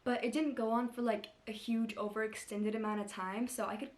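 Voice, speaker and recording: A woman's voice: a little high, steady tone, fairly quick. Chatty young woman gushing about books. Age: young adult. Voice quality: slight lisp from a retainer. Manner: gushing, chatty, lots of fillers. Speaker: book vlogger. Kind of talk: casual reading vlog.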